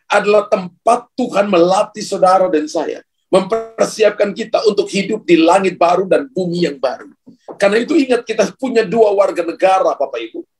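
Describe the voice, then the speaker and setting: A man's voice: high-pitched, breathy edge. A male pastor preaching a sermon, speaking emphatically and addressing the congregation directly.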